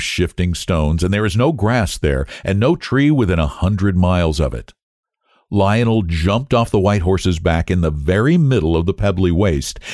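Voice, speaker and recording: Deep, lively male storyteller. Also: no room sound, clean studio sound. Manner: expressive, lilting storytelling. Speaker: children's story podcast narrator. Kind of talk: storybook reading for children.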